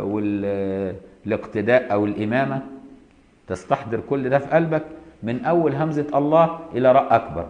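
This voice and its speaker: A man's voice: lowish voice, highs cut off. Egyptian man teaching a classical text. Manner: reads a line then explains it in colloquial speech, often checking understanding. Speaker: Islamic law teacher. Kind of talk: explaining a classical text to students.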